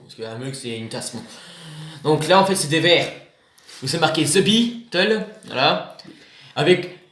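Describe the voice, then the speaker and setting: Casual male vlogger, rambling, joking, slightly high voice, echoey room with faint hiss. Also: a bit bright. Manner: rambling, repeats himself, joking. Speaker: video host showing purchases. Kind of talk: casual unboxing chat.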